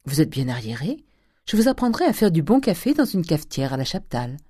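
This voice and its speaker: A man's voice: a little high, big pitch swings, a little fast, dark tone, husky, no room sound, studio quality. A man reading an audiobook, voicing an elegant young Parisian man with an airy, patronizing manner.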